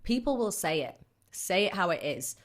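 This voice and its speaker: A fitness coach in her forties talks frankly in a casual interview, telling stories with a lively manner and laughing easily. Her voice is medium in pitch and she speaks at a normal speed.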